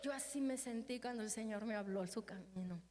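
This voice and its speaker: A woman preacher delivering a fervent, emotional sermon, her loudness rising and falling dramatically. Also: mid-range voice, fairly quick, in a large hall.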